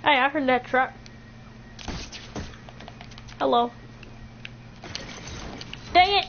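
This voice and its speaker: A woman's voice: high-pitched, gravelly, slight background noise. A woman hosting a gameplay video, teasing her friend in casual chat. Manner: teasing, playful, quick to laugh. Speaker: gaming video host. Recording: dull lo-fi game chat audio.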